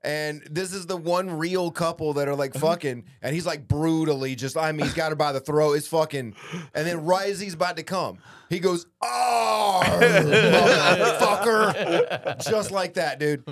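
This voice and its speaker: A comedian joins a casual comedy podcast as a guest, his voice sitting high for a man. He tells stories in an animated way, leaning on "dude" throughout. The talk is loose and unscripted. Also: normal speed. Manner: animated storyteller, heavy on "dude".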